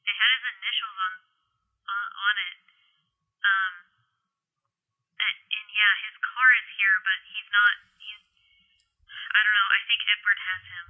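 A jittery young woman, played by a woman, speaks through a phone speaker, her words halting and tripping over themselves. The sound is narrow and tinny, like a cramped call line. Her pitch sits in an ordinary middle range for a woman. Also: level tone. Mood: shaken. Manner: stammering, halting. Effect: heard through a phone speaker. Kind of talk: tabletop game role-play.

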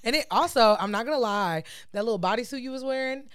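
A woman's voice: on the high side, fast. A woman hosting a casual chat, hyping up her guest in a playful, slangy way. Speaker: host.

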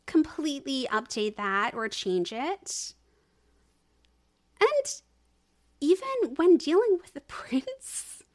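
Slightly high and a bit bright, this woman's voice belongs to a researcher and analyst aged thirty or older, guesting on a podcast. She talks conversationally and with strong opinions, repeating words for emphasis.

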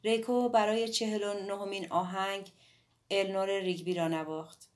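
A woman reads a novel aloud as an audiobook narrator. Her delivery is calm and measured, and her voice sits a little low. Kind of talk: scripted narration.

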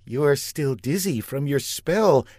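A man's voice: medium pitch, lively intonation, slow, darkish tone, slightly rough, no room sound, studio quality, voice pushed up. A man voicing a bossy, sarcastic female secret agent with a raised voice and a curt, scornful manner. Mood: scheming.

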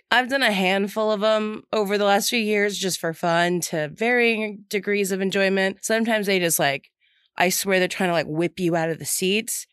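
A woman podcast host whose voice is hoarse and rough from a head cold, chatting frankly and loosely with plenty of fillers. Her pitch sits in an ordinary middle range. The recording is dry and close, with no room sound. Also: fairly bright tone, no echo. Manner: chatty, frank, swears casually, many "like" fillers. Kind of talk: casual podcast monologue.

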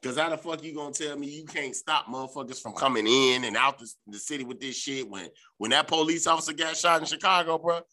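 Bright, forceful man in a profane podcast rant. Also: on the high side, fast, few pauses. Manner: blunt, slangy, heavy swearing. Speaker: podcast host.

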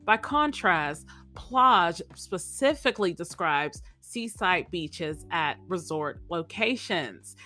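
Over faint music, a woman hosts a podcast that blends laid-back motivation with a vocabulary lesson. Her voice sits on the low side, expressive, bright and forceful, and she takes a slow pace. A lingering cold makes her sound a bit off, though her chatty, upbeat manner and repeated phrases carry through.

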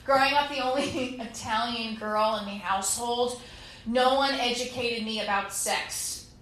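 A woman in her thirties performing an animated stand-up comedy set on a club stage, acting out characters as she goes. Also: a little high, measured pace, recorded from a distance. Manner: animated, acts out characters in quotes. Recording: very echoey room, faint crowd noise.

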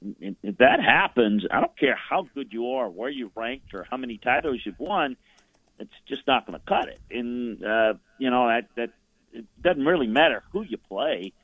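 A man's voice: medium pitch, lively intonation, normal speed, husky, no room sound. Man on a tinny phone line. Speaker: football analyst guest. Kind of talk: sports radio interview commentary.

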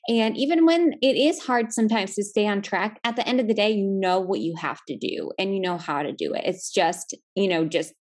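A woman's voice: medium pitch, brisk, hardly any pauses, a little mellow. A woman fitness coach in a casual chat, upbeat and encouraging, talking with lots of "like" and "you know".

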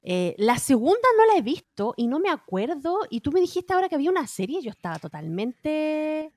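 A middle-aged Chilean woman chatting casually as a podcast co-host, animated and quick to laugh. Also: high-pitched, no room sound. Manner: animated, laughs and acts out voices. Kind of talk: casual chat.

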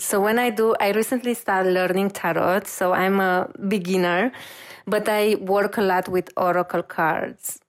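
A woman reiki master speaks in an unhurried, measured way while giving an intuitive reading. Her tone is earnest and gently reassuring, and her pitch sits in an ordinary middle range for a woman.

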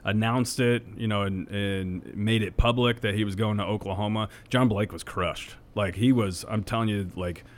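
A man co-hosting a casual sports talk show, speaking haltingly with many fillers and restarts. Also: lowish voice, fairly even intonation. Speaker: co-host.

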